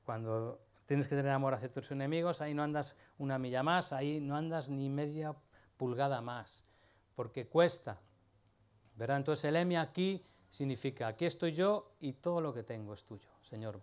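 A man's voice: medium pitch, moderate pace, darkish tone, clean tone. A man preaching a sermon, talking to the congregation in a conversational way and often asking them rhetorical questions.

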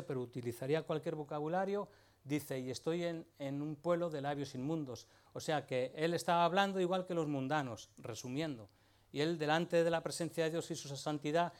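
A man preaching a sermon, talking to the congregation in a conversational way and often asking them rhetorical questions. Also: a little high.

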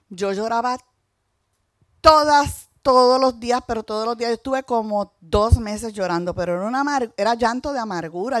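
A woman preaching a sermon, swinging between loud exhortation and quiet personal testimony. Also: mid-range voice, no room sound, clean studio sound.

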